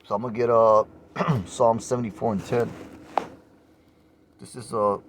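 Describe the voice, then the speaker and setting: A man giving an informal sermon. He reads scripture aloud and rises to loud, passionate cries on the refrains, swearing casually and filling his lines with "man" and "you know.". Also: medium pitch, little pitch movement, unhurried, noisy background. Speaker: preacher.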